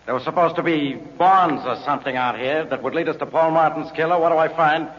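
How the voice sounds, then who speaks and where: An actor playing a gruff, impatient police inspector in an old radio show. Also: male voice, a little high, a little fast. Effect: old radio show broadcast sound. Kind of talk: 1940s radio drama acting. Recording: dull, lo-fi old radio recording.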